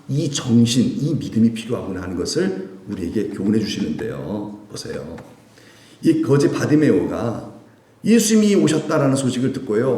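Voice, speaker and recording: A man's voice: mid-range voice, darkish tone. A male pastor preaching a sermon, asking the congregation questions and acting out the people he quotes. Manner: call-and-response preaching, acting out quoted voices. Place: church sanctuary. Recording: echoey church room.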